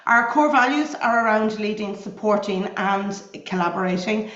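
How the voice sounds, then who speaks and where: A woman with a croaky voice presenting as programme manager in an online webinar, in a welcoming manner. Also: mid-range voice, moderate pace, a bit bright, roomy sound, highs cut off. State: croaky voice from air conditioning.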